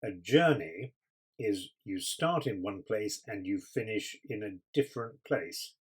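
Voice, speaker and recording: A man's voice: lowish voice, animated, a little slow, husky, rough recording. A man teaching vocabulary, explaining patiently with frequent ums. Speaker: English teacher.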